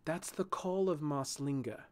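A man voicing a terse, sharp-tongued young woman guardian in a spoken storybook, low and dry in manner. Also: a little slow, natural voice. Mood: dry, curt.

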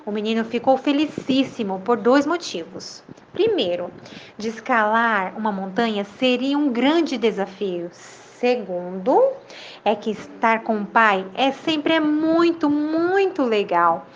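Slow, high-voiced woman storyteller. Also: a little hiss or hum. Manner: slow, warm, expressive, laughing along. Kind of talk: children's story narration. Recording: dull lo-fi with faint ambience.

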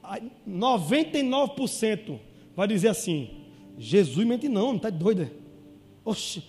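A man with a Brazilian Portuguese accent preaching a sermon, acting out conversations with call-and-response and shouted peaks. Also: high voice, big pitch swings, unhurried, in a large hall, faint music behind. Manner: call-and-response, repeatedly asking "amém ou não amém?".

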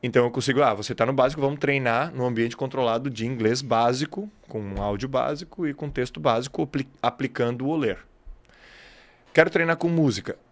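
A man in a casual podcast conversation, explaining his ideas as an English teacher. He talks emphatically and animatedly, mixing in plenty of casual slang. His voice sits in an average pitch. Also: fairly quick.

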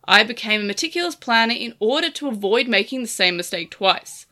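A woman's voice: a little high, lively intonation, fairly quick, sharp tone. A woman voicing a meticulous male team leader, steely but pained, speaking steadily. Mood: sombre.

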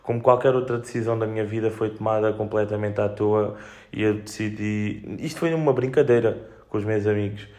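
A man's voice: on the low side, fairly even intonation, a little fast, a little mellow. A young man with a European Portuguese accent, chatting casually on his own in a slangy, sweary, joking way, telling rambling anecdotes as a podcast host.

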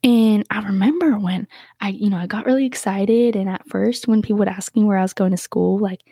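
A young adult woman hosting a podcast, telling a personal story in a casual, chatty way with lots of "like" fillers and lively jumps in pitch when she quotes others. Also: brisk, husky, no room sound, clean studio sound. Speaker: podcast host.

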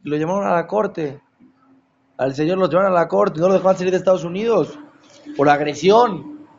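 A man gives a Torah class, animated and full of rhetorical questions to his listeners. His voice sits a little high. The recording is dull and lo-fi. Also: brisk, slight background noise. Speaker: religious teacher.

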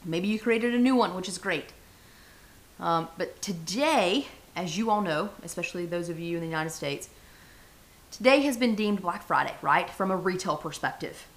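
A woman's voice: fairly low pitch, animated, moderate pace. A woman hosting her own podcast, talking straight to her listeners in an upbeat, chatty way about leadership and life. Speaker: podcast host. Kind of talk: solo motivational podcast talk.

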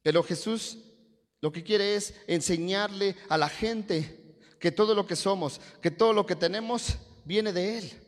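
Male preacher, high voice, asks the crowd and waits for answers, long church-hall reverb. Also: a little slow. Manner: call-and-response, quizzing the congregation. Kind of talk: sermon.

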